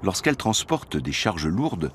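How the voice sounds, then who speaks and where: A man narrating a nature documentary from a script, in a measured storytelling delivery. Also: sits low, sing-song, a little hiss or hum.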